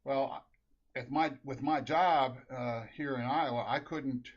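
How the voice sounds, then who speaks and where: Slow and fairly even in intonation, a medium-pitched middle-aged Minnesotan spins a casual, rambling tale about his family. Frequent laughter and restarted sentences fill it, and the lo-fi recording sounds dull.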